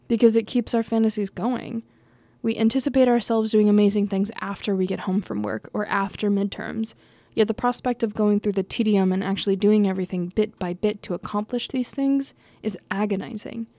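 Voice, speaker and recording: A woman's voice: medium pitch, steady tone, fairly quick, gravelly, few pauses, dark tone, no echo. A young woman reading her own essay aloud, casual and self-correcting, laughing off her own slips and restarting lines. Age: young adult.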